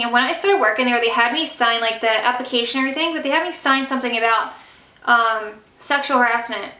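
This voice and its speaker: A young woman telling a casual storytime vlog, emphatic and fired-up, talking fast with many fillers. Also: on the high side, bright, forceful tone, reverberant. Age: young adult. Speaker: vlogger.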